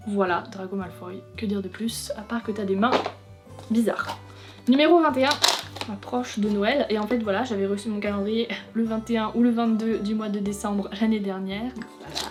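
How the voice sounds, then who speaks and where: A young woman chatting casually as a vlogger, reviewing figurines in a frank, teasing way that is quick to complain. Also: on the high side. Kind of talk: casual chatty unboxing commentary. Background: faint background music.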